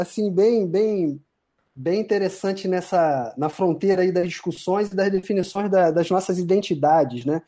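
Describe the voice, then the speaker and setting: A man co-hosts a podcast and reacts to his guest's story, working his thought out aloud and restarting his phrases as he goes. His voice has a dark, mellow tone. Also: high-pitched. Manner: thinking aloud with repeated restarts. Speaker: podcast co-host. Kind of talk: casual podcast discussion.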